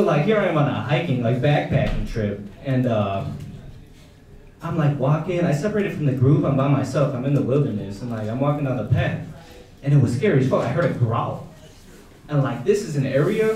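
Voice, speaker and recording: Crude, rambling young stand-up comic. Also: male voice, a little high, a little mellow. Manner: crude, rambling, laid-back storytelling. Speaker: stand-up comedian. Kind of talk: stand-up set. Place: comedy club stage. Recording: echoey club, mic from far off.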